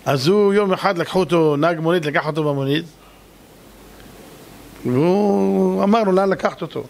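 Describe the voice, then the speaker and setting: A man's voice: high-pitched, gravelly, a little mellow. A rabbi giving a Torah lesson. He tells stories emphatically and dramatically, and acts out the characters.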